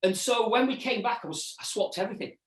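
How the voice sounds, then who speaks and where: A middle-aged man, chatting casually as an interview guest and haltingly repeating words as he recalls things. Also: high voice, slight background noise. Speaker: restaurant owner and chef, interview guest. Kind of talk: casual interview chat, reminiscing. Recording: echoey room, distant mic.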